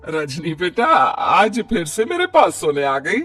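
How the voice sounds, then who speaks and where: A man's voice: on the high side, very animated, a little slow, a bit bright, breathy edge, recorded from a distance, faint music behind, exaggerated voice. A man voicing a fussy, scheming older mother-in-law in a cartoon story, coaxing and mock-innocent.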